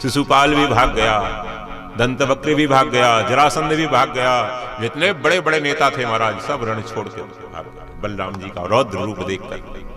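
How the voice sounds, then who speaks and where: A man's voice: medium pitch, fairly even intonation, a little slow, music in the background. A man preaching as a swami, telling a dramatic religious story, acting out its characters, and chanting Sanskrit verses. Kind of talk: sermon storytelling.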